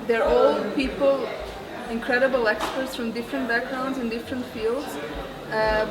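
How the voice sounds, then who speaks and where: A woman from Serbia attending a conference, answering earnestly and reflectively with some hesitation. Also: a little high. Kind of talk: event feedback interview. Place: busy conference venue. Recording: roomy, distant, loud crowd behind.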